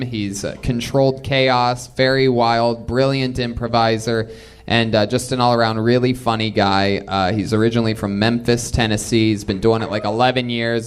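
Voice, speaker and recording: A male host of a live comedy show, introducing comics with quick, hyped banter. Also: medium pitch, fairly bright tone.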